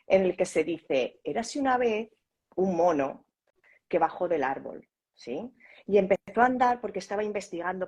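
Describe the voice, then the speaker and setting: Husky woman telling a tale. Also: medium pitch. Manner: lively storyteller, many tag questions. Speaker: co-host. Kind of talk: casual chat about storytelling.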